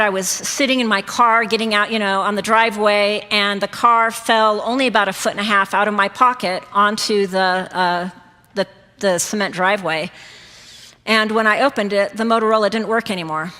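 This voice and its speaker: A woman's voice: mid-range voice, bright, forceful tone. A middle-aged woman preacher giving a sermon, telling a personal story in a conversational way. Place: church. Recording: long church reverb.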